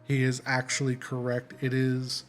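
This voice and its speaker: A tired man hosting a gameplay video, giving a relaxed, rambling walkthrough and often correcting himself. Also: mid-range voice, normal speed, faint music behind. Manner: rambling, self-correcting, apologetic.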